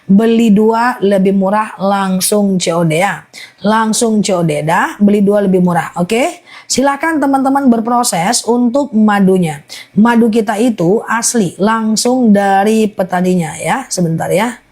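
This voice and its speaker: A woman running a live-stream sales pitch for honey, chatty and repetitive, rattling off long lists and checking in with viewers. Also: unhurried, a little mellow.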